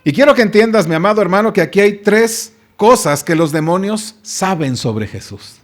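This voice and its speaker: A man's voice: high voice, animated, normal speed. A man preaching a sermon as pastor, emphatic, often asking his listeners rhetorical questions and calling them beloved brothers.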